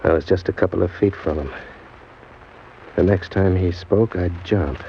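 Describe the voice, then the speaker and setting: An actor with a low voice plays a cynical, slangy hardboiled criminal telling his own crime story in an old-time radio drama, speaking at normal speed in a tough, wry, grim and matter-of-fact manner. The dull old radio recording carries a little hiss or hum, with music behind him.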